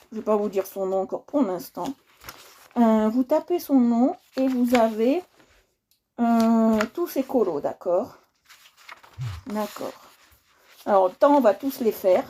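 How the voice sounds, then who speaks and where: A woman runs a casual coloring livestream, chatting to her viewers and often going back over what she just said. Her voice sits fairly high but has a soft, mellow tone. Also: a little hiss or hum. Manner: chatty, repeats herself, addresses viewers directly.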